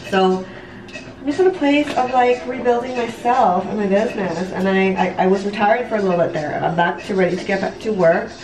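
In an echoey home bathroom, with the camera a step or two away, a woman in her late twenties applies makeup and chats candidly to viewers. She's a vlogger and online business coach whose medium-pitched voice is brisk and a little mellow, and her confessional rambling is full of "like" and "you know" plus some swearing.

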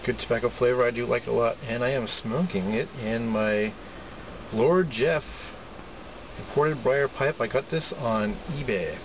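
A man in his forties with an American accent, chatting casually and haltingly to camera in a laid-back way from inside a vehicle. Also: medium pitch. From California, United States. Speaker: vlogger reviewing pipe tobacco. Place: inside a parked vehicle cab, outdoors by day. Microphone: camera at about arm's length or farther. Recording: muffled, with clear steady vehicle-like background noise.

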